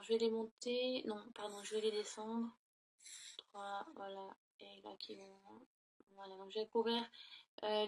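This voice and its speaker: A woman's voice: medium pitch, slight background noise. A woman giving a casual tarot reading to her laptop, hesitant and full of fillers and self-corrections. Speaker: tarot reader. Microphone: laptop built-in mic.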